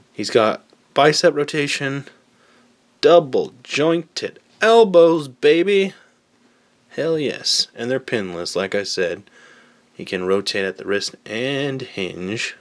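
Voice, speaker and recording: A man casually reviewing an action figure, chatty and relaxed, with lots of fillers and a little out of breath. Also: sits low. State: slightly out of breath. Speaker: toy reviewer. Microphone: camera mic on tripod.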